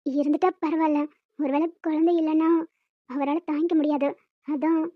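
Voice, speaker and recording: A woman voicing an emotional young wife in a cartoon story, high and childlike, breaking into sobs. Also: little pitch movement, normal speed, no room sound, natural voice. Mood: worried. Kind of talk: cartoon voice acting. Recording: dull lo-fi audio with faint music.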